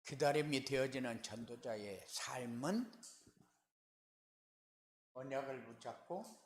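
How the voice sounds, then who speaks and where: Slow, emphatic preacher in an echoey church. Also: male voice, medium pitch, lively intonation, slight background noise. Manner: rhetorical questions answered with firm repeated refrains; emphatic swells in loudness on key words. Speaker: pastor. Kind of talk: sermon. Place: church sanctuary.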